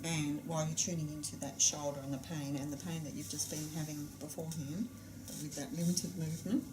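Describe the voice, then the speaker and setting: A woman leading a tapping therapy demonstration in a class, asking gentle probing questions and affirming often. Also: low-pitched, flat delivery, fairly quick, background noise. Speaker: EFT practitioner running a class.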